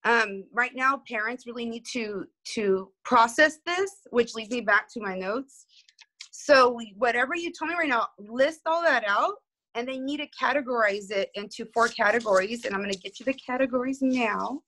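Bright, animated woman talking. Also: fairly high pitch, moderate pace, rough recording. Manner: emotional, animated storytelling. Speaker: small business owner. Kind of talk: casual conversation.

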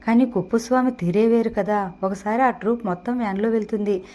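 Mellow-voiced woman reading a novel aloud. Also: fairly high pitch, a little fast. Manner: steady storytelling narration, voicing dialogue lightly. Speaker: audiobook narrator. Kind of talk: reading a Telugu audio novel.

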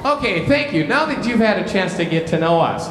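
A man's voice: high-pitched, sing-song, fairly quick, a crowd in the background. A nineteen-year-old man from Michigan, upbeat, introducing himself and leading the show. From Detroit, Michigan. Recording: echoey hall, hissy old tape.

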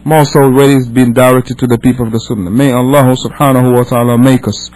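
A man from Senegal who learned English as a second language teaches religion as an imam, reading aloud and then explaining. His medium-pitched voice is steady, brisk, and a little mellow, and he stresses ideas by repeating, rephrasing, and asking rhetorical questions, all on poor audio.

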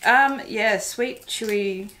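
A woman's voice: fairly high pitch, slow pace, fairly bright tone, slight background noise. An Australian woman hosting a casual snack-tasting chat, chatting away while she chews. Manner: chatty, talks while chewing. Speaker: host.

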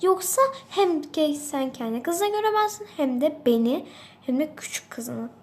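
Woman doing a bossy mother, scolding, high voice, game role-play. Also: animated, normal speed. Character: angry demanding mother of grown daughter.

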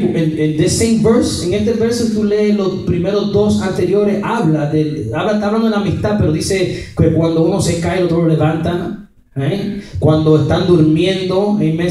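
A male evangelist delivering a story-driven sermon, hopping between two languages in the same breath and breaking into laughter along the way. His voice is fairly high but mellow. It rings through a very echoey space, caught from a distance off the mic. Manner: mixes two languages mid-sentence; laughs often while telling stories. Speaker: evangelist preacher. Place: coffee house gathering. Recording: very roomy sound from far off.

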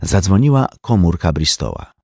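A man narrating an audiobook, his pitch rising and falling freely as he tells the story. The delivery is expressive and measured. The recording is dry and close. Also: dry recording. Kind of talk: scripted narration.

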